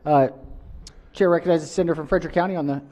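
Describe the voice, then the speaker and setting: A man presiding over a senate session, reading formal procedure briskly. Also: a little high, steady tone, darkish tone. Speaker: presiding officer. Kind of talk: procedural chairing.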